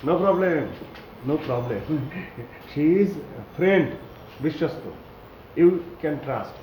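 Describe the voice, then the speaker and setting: An urgent, whispery-pleading bachelor hero; roomy, muffled sound. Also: male voice, fairly high pitch, lively intonation, extremely slow, a little hiss or hum. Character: bachelor hero hiding a foreign guest, a young man. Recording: echoey, dull-sounding room.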